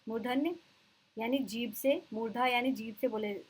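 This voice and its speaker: A woman teacher giving an exam-prep lecture, explaining terms and slowly repeating them for her students. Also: on the high side, husky, rough recording.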